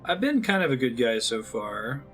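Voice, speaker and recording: A male streamer chatting casually over a game. His voice is medium in pitch, wry and rambling, with some music in the background. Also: very animated, moderate pace, a bit bright. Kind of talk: casual live game commentary.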